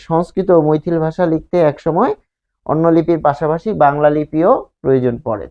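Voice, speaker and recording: A man's voice: on the high side, gravelly. A man from Bangladesh, teaching a grammar lesson, explaining slides and asking and answering his own questions. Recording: slightly dull lo-fi recording.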